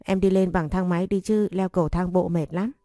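A woman's voice: lowish voice, steady tone, a little fast, warm tone, no echo, studio quality, natural voice. A woman voicing a confident, doting young husband who teases bossily, in a story reading. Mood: teasing.

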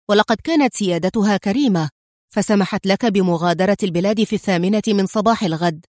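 A woman reading an angry, chain-smoking male police inspector in an audiobook, with a sharp, scolding manner. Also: high voice, no echo, studio quality, lightly acted.

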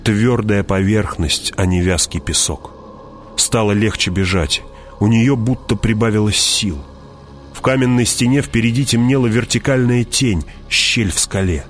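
A man narrating an audiobook in a measured, dramatic way, dropping his voice and slowing down at tense moments. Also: faint music behind. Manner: measured, drops voice low and slows on tense moments.

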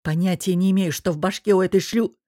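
A woman's voice: lowish voice, fairly even intonation, quick pace, no room sound, studio quality, natural voice. A woman voicing an angry, domineering businessman husband who growls and presses hard. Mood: stern. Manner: growling, forceful.

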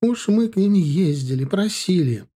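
A man's voice: sits high, animated, unhurried, dark tone, breathy edge, pitched above the performer's own voice, exaggerated voice. A man voicing a distraught, weepy middle-aged mother who pleads in a plaintive voice. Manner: plaintive, sobbing.

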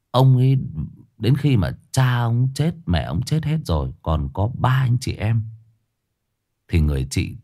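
A man with a fairly low voice tells a harrowing story straight to his listeners. His pitch leaps high for emphasis, then sinks low and somber, in loose, chatty speech full of restarts. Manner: animated, swings from high emphatic bursts to low somber drops; addresses listeners directly, casual with restarts.

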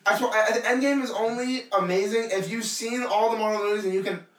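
Young male co-host, high pitch, filler-heavy rambling, distant echoey mic. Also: fairly even intonation, quick pace. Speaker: podcast co-host. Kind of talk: casual podcast chat.

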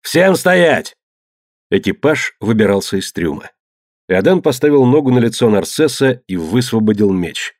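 A man narrating an adventure novel in a low, measured storytelling voice. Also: animated, darkish tone, dry recording, clean studio sound. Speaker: audiobook narrator. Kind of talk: scripted narration.

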